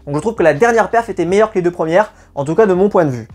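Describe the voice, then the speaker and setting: A woman's voice: fairly low pitch, animated, very fast, darkish tone. A woman giving a casual, opinionated video review of a TV show, chatty and full of hesitations. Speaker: YouTube reality-TV reviewer.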